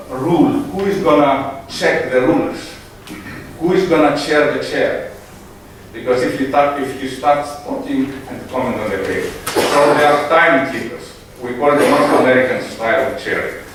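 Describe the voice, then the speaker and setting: A man giving joking, digressive opening remarks as conference organizer in a hall. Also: a little high. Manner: joking, digressive, non-native English. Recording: echoey hall from far off, noise.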